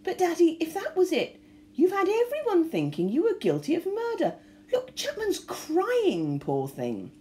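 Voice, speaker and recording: A bold, bossy upper-class schoolgirl, sharp and exasperated, her voice pitched high, as a woman reading a storybook puts her on. Her lines jump around in pitch, with a soft, mellow tone underneath. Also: huge pitch swings, measured pace, slight background noise, exaggerated voice. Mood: scolding.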